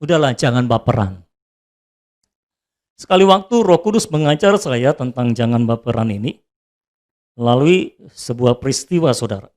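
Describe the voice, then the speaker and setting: Animated male preacher, lively pitch. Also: moderate pace, long pauses. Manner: animated, joking, acts out prayers and quotes dramatically. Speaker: pastor. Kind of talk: sermon.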